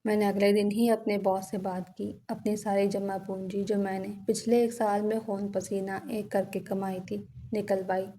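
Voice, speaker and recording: A woman's voice: mid-range voice, little pitch movement, few pauses, warm tone, slight background noise. A woman giving an earnest, emotional scripted narration of a first-person moral story.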